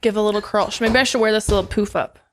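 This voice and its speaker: A woman's voice: mid-range voice, fairly even intonation, racing, background noise. Chatty young woman podcast co-host. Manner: gushing, swears casually, lots of fillers. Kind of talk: casual chat while doing makeup.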